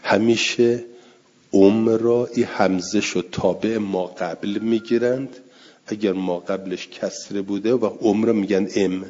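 A man's voice: deep voice, mellow. A man teaching a lecture class, explaining recitation rules step by step and repeating his examples. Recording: dull lo-fi recording.

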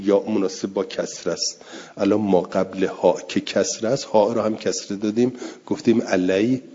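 A man's voice: low voice, warm tone, slightly rough. A man teaching a lecture class, explaining recitation rules step by step and repeating his examples. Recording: dull lo-fi recording.

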